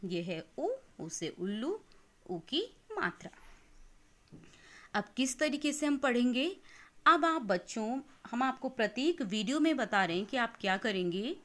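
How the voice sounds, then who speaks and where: A woman teacher with an Indian accent giving an online lesson to young children, reading words slowly syllable by syllable and mixing in English words. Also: fairly high pitch, big pitch swings, a bit bright. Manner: slow, exaggerated syllable-by-syllable reading aloud.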